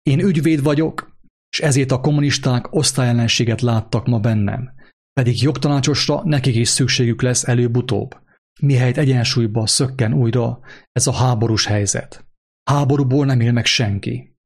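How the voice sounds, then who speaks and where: A man reading aloud and voicing a haughty gentleman lawyer who speaks down to others. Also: medium pitch, lightly acted. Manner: condescending. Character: haughty male lawyer, middle-aged.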